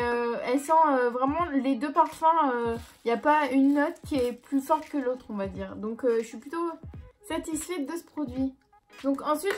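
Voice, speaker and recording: A young woman chatting casually through a beauty haul and review, light and self-deprecating, with plenty of hesitant fillers. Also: sits high. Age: young adult. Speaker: beauty vlogger. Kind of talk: casual product review vlog.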